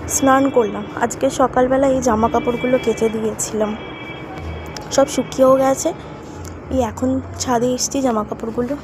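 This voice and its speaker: Young woman, home vlogger, slightly hoarse, fairly high voice, chatty, faint background noise. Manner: chatty, talks to viewers while doing chores. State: hoarse from a cold. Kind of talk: casual home vlog narration.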